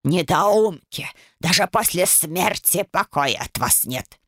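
A woman voicing a grumpy old woman's ghost who scolds her relatives with slow, rasping scorn. The voice sounds dry and close. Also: fairly low pitch, expressive, a bit bright, dry recording, exaggerated voice. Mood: furious.

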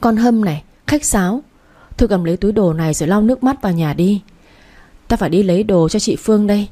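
A woman voicing a blunt, fiercely loyal young female friend who talks coarsely and fast. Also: medium pitch, dark tone, natural voice. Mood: indignant, comforting.

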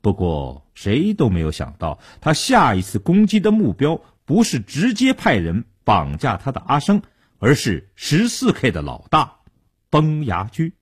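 Husky, animated male storyteller. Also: mid-range voice, a little slow. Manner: dramatic, animated narration. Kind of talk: radio storytelling.

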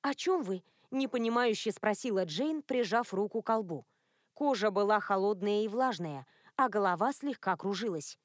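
A woman reading an audiobook as the narrator, in measured, even storytelling. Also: mid-range voice, no room sound, clean studio sound. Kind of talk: scripted narration.

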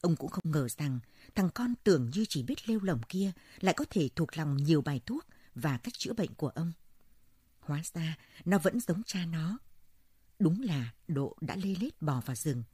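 Low husky woman telling a story. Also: sing-song, moderate pace, dark tone, no echo, clean studio sound. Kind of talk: scripted story narration.

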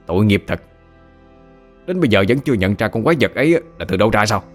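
A blunt, mocking bald thug, voiced by a male narrator in an audio story. His voice sits on the low side and stays matter-of-fact. Soft music runs behind him. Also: sing-song, fast.

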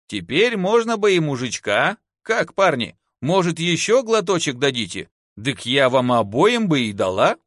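Hoarse drunk peasant woman, wheedling, giggly, rustic, voiced by a man, high. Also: sing-song, a little slow, few pauses, a bit bright, dry recording, clean studio sound, full character voice. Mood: lewd. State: hoarse from drinking.

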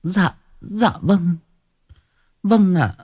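A man's voice: high voice, animated, drawn-out words, a little mellow, husky, no room sound, studio quality, pitched above the performer's own voice, exaggerated voice. A man doing a tearful pleading young woman. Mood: meek. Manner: sobbing, pleading.

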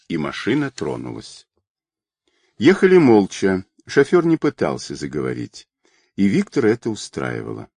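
A man narrating an adventure story as an audiobook in an expressive, dramatic reading. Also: fairly low pitch, breathy edge, dry recording, studio quality. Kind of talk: scripted narration.

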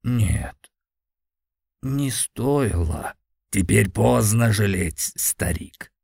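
A man's voice: lowish voice, lively intonation, drawn-out words, creaky, a little mellow, husky, dry recording, studio quality, full character voice. A man voicing a huge, contemptuous cat-like demon lord in an audiobook, with a lazy, scornful, slightly growling delivery. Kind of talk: audiobook character voice.

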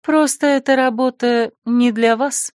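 A woman voicing a calm aristocratic female teacher, speaking in a composed, gently wry way. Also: on the high side, unhurried, dry recording, studio quality, pitched above the performer's own voice, lightly acted. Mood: soothing.

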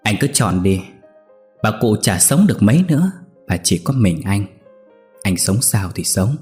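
A man's voice: fairly low pitch, very animated, moderate pace, a little mellow, faint music behind. A man voicing a worried, tearful middle-aged daughter-in-law who pleads urgently. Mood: pleading.

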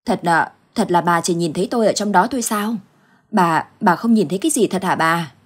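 A woman's voice: lowish voice, brisk, breathy edge. A woman voicing an anxious, stubborn elderly village husband who insists he sees something. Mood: alarmed.

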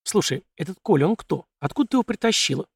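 A man's voice: high voice, animated, fast talker, gravelly, slightly rough, no room sound, pitched above the performer's own voice, full character voice. A man voicing a sensible, well-mannered young woman who speaks in a dry, wry way.

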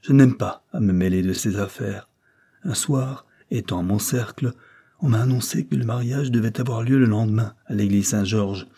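A man's voice: fairly low pitch, moderate pace, mellow, slightly rough. A man reading an audiobook plays a stern older aristocrat, the count, who lectures and reproaches in a severe tone. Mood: informative, then measured.

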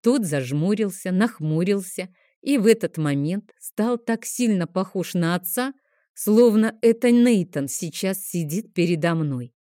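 A woman narrating a first-person audiobook in a gentle, expressive storytelling manner. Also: mid-range voice, measured pace, no room sound, studio quality.

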